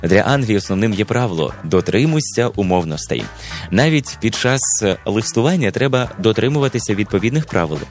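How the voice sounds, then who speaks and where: A man presenting an educational program, reading a scripted lesson in a measured, instructive manner and slowing down on key words. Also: fairly low pitch, lively intonation, faint music behind. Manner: measured, didactic, stretches words slowly for emphasis. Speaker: presenter of a language and etiquette program.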